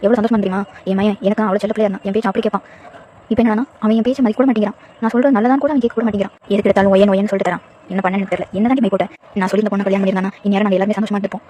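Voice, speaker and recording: A woman's voice: mid-range voice, steady tone, rapid-fire, dark tone, slight background noise, lightly acted. A woman voicing a bitter, scolding middle-aged mother-in-law who nags with reproachful questions. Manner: reproachful, nagging, hurled rhetorical questions.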